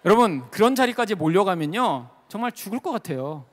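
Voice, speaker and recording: A man preaching a sermon as a pastor, telling a personal story with animated, emotional delivery and lots of fillers. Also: sits high, a little fast. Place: large worship hall at a retreat. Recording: long reverb of a large hall.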